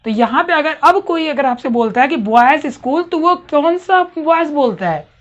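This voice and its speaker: Woman teacher, high voice, quizzing her class often; dull lo-fi recording. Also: animated, moderate pace. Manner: questioning, checks understanding often. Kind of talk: classroom grammar lesson.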